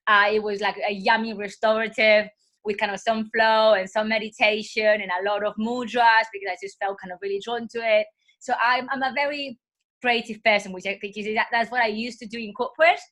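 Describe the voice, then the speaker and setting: A woman with a cold speaks in a husky yet bright, forward voice. She talks as a yoga teacher in a casual interview and drifts between thoughts with gentle fillers and self-corrections. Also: a little high, fairly even intonation, brisk. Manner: meandering, full of soft fillers and restarts.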